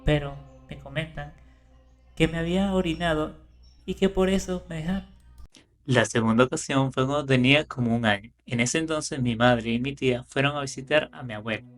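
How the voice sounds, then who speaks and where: A man reading horror stories aloud in calm scripted narration, rising for the tense moments. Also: mid-range voice, normal speed. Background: faint music.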